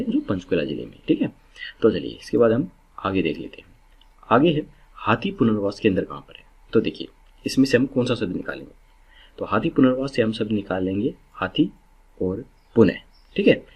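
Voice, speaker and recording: A man with a low, husky voice teaches exam memory tricks. He explains each step patiently and drills key words over and over. The recording sounds dull and lo-fi.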